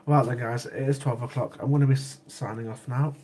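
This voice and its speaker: A man's mid-range, slightly mellow voice moves at a fairly quick clip with fairly even intonation, against slight background noise. He's hosting a laid-back livestream, chatting with live chat viewers while sniffly with a cold, often repeating himself and laughing easily.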